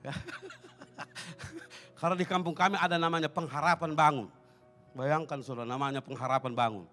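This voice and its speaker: A man preaching a sermon as pastor, swinging between loud declarations and hushed asides. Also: fairly high pitch, steady tone, moderate pace, faint music behind. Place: church sanctuary.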